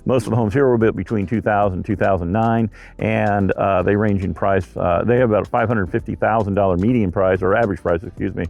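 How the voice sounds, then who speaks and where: Gravelly low-voiced man giving a tour. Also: steady tone, fast, a little mellow, dull audio. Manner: chatty, rambling with frequent "uh" fillers. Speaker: real estate agent. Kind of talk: casual home and neighborhood tour. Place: outdoors on neighborhood streets.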